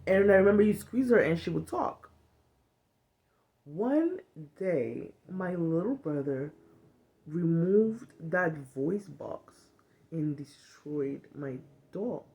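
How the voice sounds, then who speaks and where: In a small bedroom, a Cameroonian woman in her thirties vlogs casually about trauma healing, talking slowly in a lowish voice straight into her phone camera. She's animated, frank, and blunt, swears freely, and now and then voices short quoted lines. The close, casual sound suggests a phone held at arm's length.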